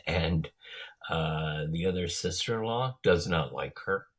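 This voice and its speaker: A man's voice: deep voice, lively intonation, takes it slowly, fairly bright tone. A man talking in a casual chat, hesitant, with many fillers and trailing phrases.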